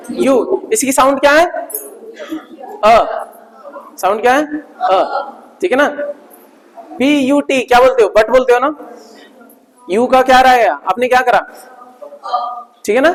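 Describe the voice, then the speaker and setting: A man's voice: very high-pitched, in a large hall, low-quality recording. A man teaching a live English class, drilling letter sounds over and over in a playful, teasing way. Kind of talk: live online grammar class.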